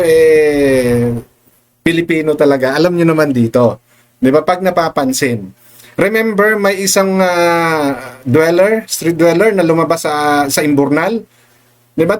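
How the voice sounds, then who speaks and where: Man, slightly high voice, hesitant vlogger commentary, many fillers, mixes English, calm reassuring. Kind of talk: casual commentary reading viewer comments.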